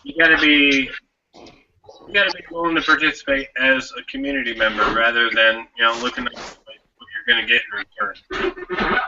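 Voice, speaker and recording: A man hosting a casual podcast chat, talkative and quick to laugh. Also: mid-range voice, highs cut off, background noise.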